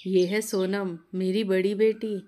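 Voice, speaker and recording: A woman's voice: mid-range voice, flat delivery, slow pace, mellow, a little hiss or hum, lightly acted. A woman voicing a good-natured, middle-aged mother-in-law in a family story. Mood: amused.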